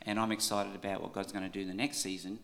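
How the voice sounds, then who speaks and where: An Australian man giving an informal church tribute in a halting, conversational way, often checking in with his listeners. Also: low-pitched, level tone, creaky, fairly bright tone.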